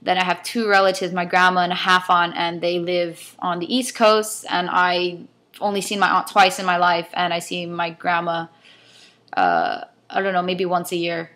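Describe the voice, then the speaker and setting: A young female vlogger from California, whose accent mixes Californian with a Chinese-immigrant lilt, speaks at a normal speed in a fairly low, slightly bright voice. Her casual rant is rambling and hesitant, full of ums as she thinks out loud.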